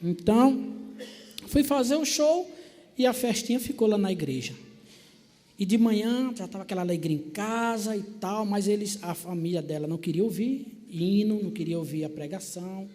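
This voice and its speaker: A man's voice: high-pitched, moderate pace, warm tone. A man telling his testimony in a packed church, animatedly acting out family members' voices. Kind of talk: preached testimony storytelling. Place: church filled with people. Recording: reverberant church hall.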